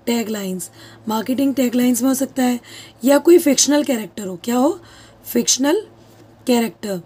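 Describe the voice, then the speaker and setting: A woman's voice: high-pitched, mellow, breathy edge. A woman teaching a lesson who asks questions, answers them herself and repeats key terms, speaking words. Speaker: English teacher. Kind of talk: classroom-style lesson.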